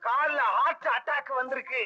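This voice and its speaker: An actor playing a sly, scheming young husband with a wheedling, evasive way of talking, from an old film soundtrack. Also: male voice, very high voice, steady tone, normal speed, dull audio, faint music behind. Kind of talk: 1980s Tamil film dialogue.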